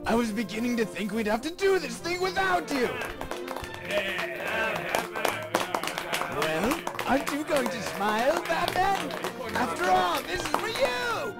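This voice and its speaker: The Joker, shrill manic clown villain. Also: male voice, full character voice. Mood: mock welcoming. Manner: theatrical, sing-song, taunting, with sudden swoops. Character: manic, gleefully menacing male clown supervillain crime boss. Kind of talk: audio drama acting.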